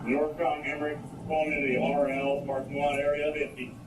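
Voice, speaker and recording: A police officer giving clipped, terse pursuit callouts over a police radio transmission. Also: male voice, fairly high pitch, level tone, fairly quick, far from the mic. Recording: noisy radio played back in echoey room from afar.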